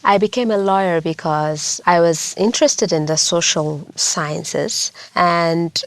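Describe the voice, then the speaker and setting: A young woman, a lawyer and social worker, answering interview questions in a measured, earnest way. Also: on the low side. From Ethiopia.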